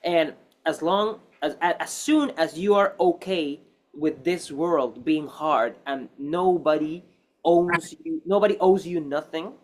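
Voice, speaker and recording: In a casual interview, a male actor speaking non-native English gives emphatic advice, rambling and repeating himself. His voice is on the high side and slow. There is slight background noise.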